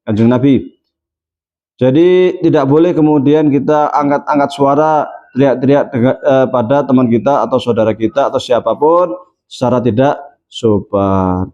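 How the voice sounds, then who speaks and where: A man's voice: medium pitch, normal speed, warm tone. A man teaching a moral lesson on good manners, acting out little quoted scenes as he goes. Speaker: Islamic religious teacher. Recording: dull lo-fi recording.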